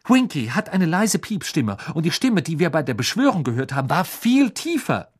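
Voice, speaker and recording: A man's voice: fairly high pitch, big pitch swings, normal speed, slightly rough, pitched above the performer's own voice. A man voicing a nervous but firm, clever teenage girl who insists. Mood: insistent.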